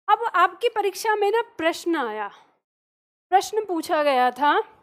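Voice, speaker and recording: A woman with a high voice teaches grammar in a video lesson. She keeps putting rhetorical questions to the viewer and stretches out vowel sounds to show how they are said. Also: a bit bright. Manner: draws out vowel sounds to demonstrate them.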